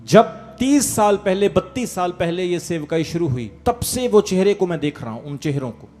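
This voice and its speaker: A high-pitched man preaches a sermon at a live church gathering, rallying the congregation with calls of hallelujah and amen. Soft music plays quietly behind his voice. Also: animated, moderate pace. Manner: tells quoted exchanges and a village anecdote. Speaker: pastor.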